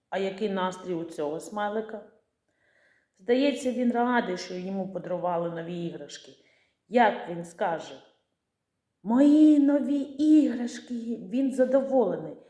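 A woman teacher giving a patient, gentle lesson to young children, asking them questions and answering for them. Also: mid-range voice, echoey room.

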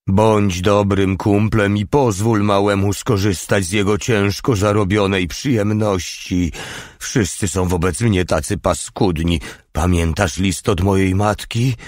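A man's voice: low voice, slow pace, no room sound, studio quality. A male audiobook reader voicing a crude, leering young soldier who talks in a coarse, mocking way. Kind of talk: audiobook character reading.

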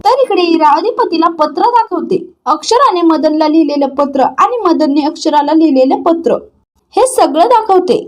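A woman narrating a story recap in a brisk, plain storytelling manner. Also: very high voice, animated.

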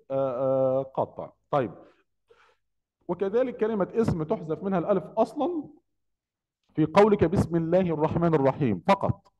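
A man's voice: fairly high pitch, a little mellow, in a large hall, highs cut off. A man with an Egyptian accent teaching an Arabic grammar lesson, asking questions and answering them himself. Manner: quizzing, asks a question then answers it himself.

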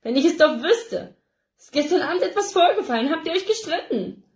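A woman's voice: extremely high pitch, animated, a little fast, voice pushed up. A woman voicing a tearful, worried middle-aged mother who sobs and pleads in a raised voice.

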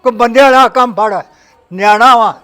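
A stern father warns his son-in-law, as an actor plays him. He speaks with a very high voice, firm and threatening. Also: normal speed.

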